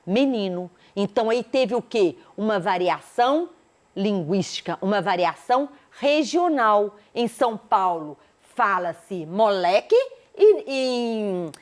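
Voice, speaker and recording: Lively Brazilian woman teacher. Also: medium pitch, slow. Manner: animated, asks students many rhetorical questions. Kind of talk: recorded school lesson.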